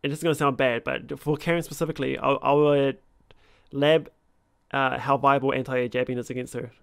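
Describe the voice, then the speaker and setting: A man, chatting informally and haltingly about games as a streamer, swearing casually. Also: mid-range voice, flat delivery, creaky, clear, resonant tone, no room sound, clean studio sound. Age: 20s. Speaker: streamer and host of a gaming series. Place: small room at home. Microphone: close desk microphone.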